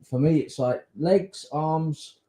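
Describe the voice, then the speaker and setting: A man hosting a casual podcast, blunt and sweary, quick to laugh as he trades stories. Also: on the high side, dark tone, slight background noise. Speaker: podcast host. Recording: echoey room.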